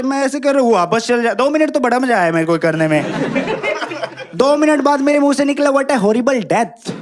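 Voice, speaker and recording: High-voiced young man doing stand-up. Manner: self-mocking Hindi storytelling mixed with clumsy English. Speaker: stand-up comedian. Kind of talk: stand-up comedy set. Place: comedy club stage with a laughing audience. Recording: live show with loud crowd laughter.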